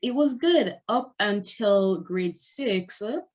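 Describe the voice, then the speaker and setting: A young woman guest telling personal stories in a chatty, animated way. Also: mid-range voice, takes it slowly. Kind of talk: casual personal storytelling.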